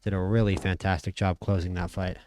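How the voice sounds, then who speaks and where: A man casually commentating a boxing management game, chatty and opinionated, stammering when he gets excited. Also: low voice, a little fast, slight background noise. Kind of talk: casual play-by-play commentary over a boxing sim.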